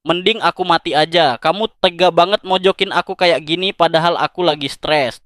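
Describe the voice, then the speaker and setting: A whiny, manipulative partner, put on by a male narrator sounds aggrieved and self-pitying. The voice sits a little high and accuses the listener. The sound is dry and close. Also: a little fast, fairly bright tone, no echo, natural voice.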